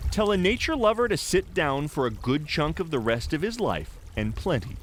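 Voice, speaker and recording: A man's voice: on the high side, moderate pace, a little hiss or hum. Man reporter narrating a news feature. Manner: storytelling, lively delivery.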